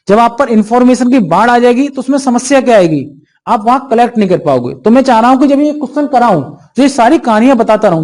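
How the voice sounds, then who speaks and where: A man's voice: extremely high pitch, darkish tone. A male teacher lecturing an exam-prep class, asking questions and answering them himself.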